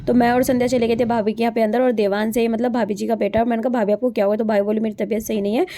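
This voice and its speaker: Young woman, rambling daily-vlog narrator, brisk delivery, slightly high voice. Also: little pitch movement, mellow. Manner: chatty, rambling, many fillers. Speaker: vlogger.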